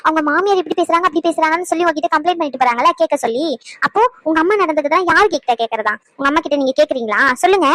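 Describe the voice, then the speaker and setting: A woman voicing a young pregnant wife who is sharp-tongued, quick and needling, for a cartoon. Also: high voice, expressive, no echo. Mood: bickering. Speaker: voice actor. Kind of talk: cartoon voice acting.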